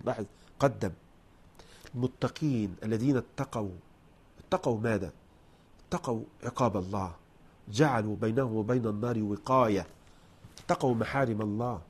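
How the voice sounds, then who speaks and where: A man teaching Quran recitation. He shifts between slow, melodic chanting of verses and quick spoken explanations of pronunciation. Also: mid-range voice. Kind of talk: Quran recitation lesson with commentary.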